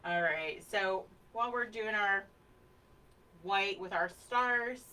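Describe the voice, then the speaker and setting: A woman's voice: medium pitch, slow pace, bright, forceful tone, clean tone. A woman from New Jersey leading a live painting class from a home studio, chatty and laughing often as she talks through brush steps. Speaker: painting instructor and co-host. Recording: distant mic with faint background noise.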